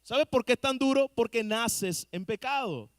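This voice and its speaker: Slow, high-voiced preaching pastor. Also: male voice, no echo, clean studio sound. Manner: asks the congregation rhetorical questions; addresses listeners directly and earnestly. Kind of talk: preaching a sermon. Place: church.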